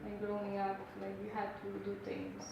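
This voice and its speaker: A woman who is a new student answering questions in a lesson, slowly and hesitantly, searching for her words. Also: mid-range voice, completely flat delivery, creaky, muffled recording. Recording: very echoey room, distant mic, light hiss.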